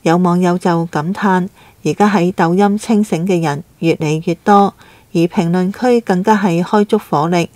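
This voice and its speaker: A woman's voice: on the low side, fairly even intonation, normal speed, a little mellow, dry recording. Woman reading scripted commentary, very dry. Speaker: political commentary narrator. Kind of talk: scripted news commentary narration.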